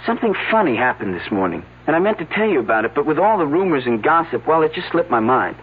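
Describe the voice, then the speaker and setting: In a 1970s radio drama, an actor plays an earnest young man working at a dig, eager and a bit flustered, stammering when he gets rattled. His voice is fairly high, husky, sing-song, and quick, coming through a tinny old radio broadcast.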